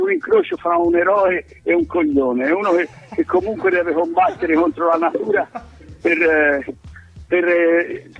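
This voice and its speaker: A man's husky, gravelly voice comes through a muffled, lo-fi phone on speakerphone. He is a farmer calling in to chat, and his pitch rides up and down a lot as he stops and restarts. The line is dull and thin. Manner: halting, stammering restarts. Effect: heard over a phone on speakerphone. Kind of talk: casual chat.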